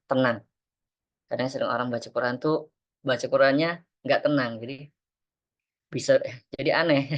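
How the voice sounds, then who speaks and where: A man teaching Quran recitation in an online class, explaining patiently and chanting verses slowly. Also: medium pitch, lo-fi sound.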